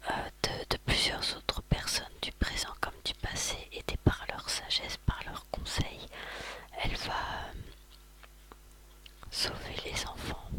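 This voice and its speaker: ASMR host, hushed library whisper, unhurried and sharp-edged, slightly halting storytelling. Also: poor audio. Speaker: ASMR video host recounting favourite books and films.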